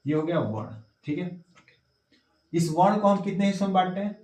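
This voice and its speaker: A male teacher lectures a class in a roomy, echoing classroom, with his voice picked up from across the room. His pitch sits a little high for a man. He fires questions at his students and answers them himself in a quieter, lower tone. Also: brisk. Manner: repeats key words and quizzes students; drops low and soft to answer his own questions. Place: classroom with a board. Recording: echoey classroom, voice from a distance.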